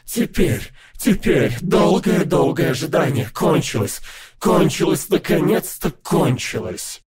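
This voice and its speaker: A man voicing a chorus of ghostly dead warriors in an audiobook, hushed and chanting. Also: a little high, sing-song, slow pace, husky, full character voice.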